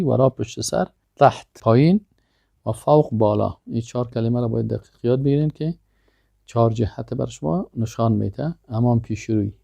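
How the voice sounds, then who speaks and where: A man gives an Arabic lesson in a low, gravelly voice. He reads short drill phrases and then explains each one patiently. The recording is dry and close. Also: warm tone, no room sound. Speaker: Arabic language teacher. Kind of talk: language lesson.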